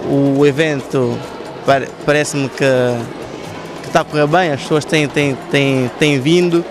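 A young man with a slightly raised voice answers an interviewer hesitantly, often restarting his words. Music plays clearly behind him. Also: on the high side, fairly even intonation, unhurried. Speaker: event visitor. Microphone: handheld mic.

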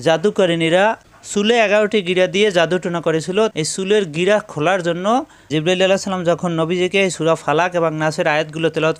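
A man teaching recitation step by step, spelling out letters slowly and then chanting the verses in long, drawn-out tones. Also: high-pitched, clean tone.

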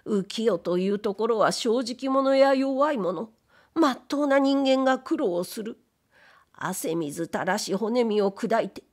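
A woman's voice: fairly high pitch, pitched above the performer's own voice. A woman reading aloud, voicing a humble, timid male ghost who was once a wastepaper dealer, speaking in polite, plaintive old Edo commoner speech. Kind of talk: audiobook reading of period fiction.

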